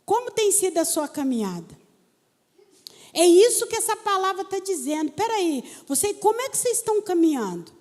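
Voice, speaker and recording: A woman pastor preaching a sermon, telling stories and talking straight to the congregation in an animated way. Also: very high voice, normal speed. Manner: animated storytelling preacher, talks to the congregation directly. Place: church hall. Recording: church hall with long reverb.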